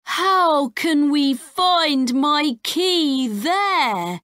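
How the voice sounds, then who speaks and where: A woman voicing a worried, earnest young boy in a slow storybook voice. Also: high voice, animated, fairly bright tone, no echo, clean studio sound, voice pushed up, heavily acted.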